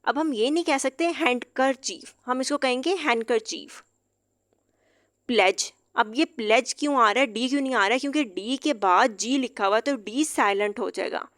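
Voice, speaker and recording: A woman gives a patient, explanatory lesson, repeating each example word slowly and carefully. Her voice sits a little high. The sound is dry and close, with little room in it. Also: fairly bright tone, dry recording. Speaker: English teacher.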